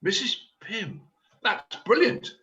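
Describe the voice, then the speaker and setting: A man's voice: high-pitched, sing-song, slow, pushed and bright, dull audio, full character voice. A man reading the part of a self-important chairman of an amateur drama group, declaiming his big plan. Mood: scheming. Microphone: video call.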